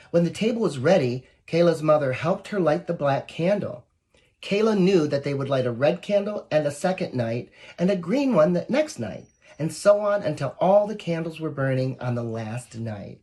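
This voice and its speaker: With a warm tone and a mid-range voice, the volunteer storybook reader brings a children's picture book to life expressively. Along the way they speak directly to young listeners in little asides.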